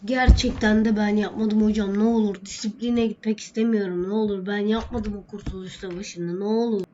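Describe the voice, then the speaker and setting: A woman's voice: fairly high pitch, normal speed, dark tone, lo-fi sound, a little hiss or hum, natural voice. A woman voicing a cheeky, super-strong schoolboy who whines, pleads and talks back to his teacher in a homemade skit. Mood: pleading. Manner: whining, pleading, talking back.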